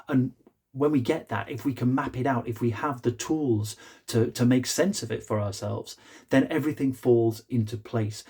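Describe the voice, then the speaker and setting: A man presenting as an acting coach, speaking to viewers in an articulate, deliberate way with emphatic pauses. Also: mid-range voice, warm tone, husky. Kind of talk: scripted talk to camera promoting acting lessons.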